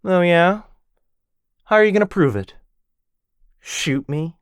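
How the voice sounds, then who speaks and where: A man's voice: high voice, lively intonation, slow pace, clean tone, dry recording. A man voicing a cocky, jealous werewolf who mocks his rival and teases with a lot of bounce. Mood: taunting. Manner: cocky, mocking, bouncy teasing. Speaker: voice actor in boyfriend roleplay. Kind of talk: ASMR roleplay acting.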